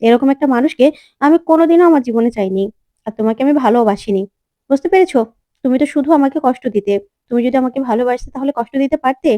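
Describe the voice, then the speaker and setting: Defiant young bride, proud, read by a woman; high and dry. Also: animated, fast talker, mellow, no echo.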